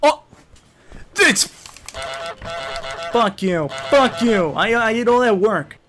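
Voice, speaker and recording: A young man commentating a game in a rowdy, profane way, yelling taunts at the characters. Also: sits high, expressive, slow pace, a crowd in the background. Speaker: gaming YouTuber.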